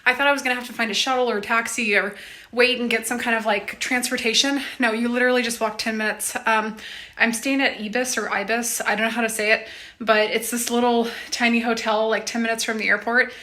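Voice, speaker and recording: A woman's voice: a little high, steady tone, quick pace, sharp tone, dry recording. An exhausted young American woman talking to her phone camera in a rambling, chatty way, full of fillers and restarts, as she vlogs her travels. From United States. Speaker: travel vlogger. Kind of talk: casual travel vlog.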